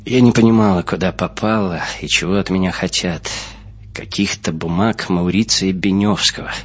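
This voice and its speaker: A man reads as an earnest young woman who was once held captive, recounting her story with animated storytelling. The voice is a little husky and sits a touch higher than his narration. The audiobook sound is muffled. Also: normal speed. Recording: muffled lo-fi recording.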